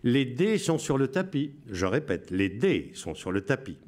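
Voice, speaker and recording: An older man in his seventies playing a solemn wartime radio announcer who reads out coded messages with measured, emphatic repetition. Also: mid-range voice, very animated, a little mellow. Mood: declaiming.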